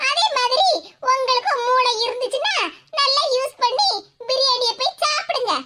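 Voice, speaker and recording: A woman voicing a greedy, cheeky young sister in a cartoon comedy, speaking in a shrill, whiny voice. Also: moderate pace. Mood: smug. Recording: loud hiss behind voice.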